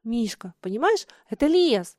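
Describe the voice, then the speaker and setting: Brief: a young boy, spoiled and demanding, as a woman storyteller puts him on; high and pushy. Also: sing-song, measured pace, a little mellow, no room sound, studio quality. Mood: coaxing. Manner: insistent, pleading in turns.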